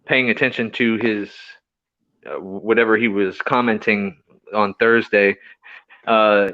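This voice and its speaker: A man's voice: lowish voice, fairly even intonation, measured pace, narrow, tinny audio. A man on a livestream panel explaining things hesitantly, with many uh fillers. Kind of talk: casual group chat.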